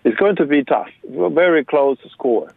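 A man's voice: fairly high pitch, expressive, normal speed, creaky, dry recording. Argentine man on a phone line. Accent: Argentine Spanish. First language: Spanish. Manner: hesitant, many fillers and restarts. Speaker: guest, local rugby supporter. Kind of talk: radio interview.

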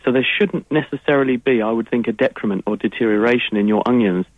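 Talking fast at a medium pitch, an Englishman fields listeners' questions as the science guest on a radio call-in show. His answers are long and fluent, and the phone line sounds tinny, though there's no echo.

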